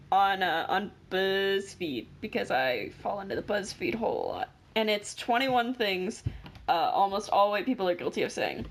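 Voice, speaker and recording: A teenage girl co-hosting a podcast in casual chat, rambling, correcting herself mid-sentence and joking. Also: mid-range voice. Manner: rambling, self-correcting, jokey. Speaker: podcast co-host.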